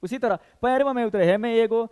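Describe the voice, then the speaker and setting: A man's voice: very high voice, brisk, a little mellow, clear, resonant tone. A male coaching teacher with a Bhojpuri-tinged Hindi accent, lecturing for competitive exams and counting bones aloud while quizzing the class. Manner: counts bones aloud, asks and answers his own questions.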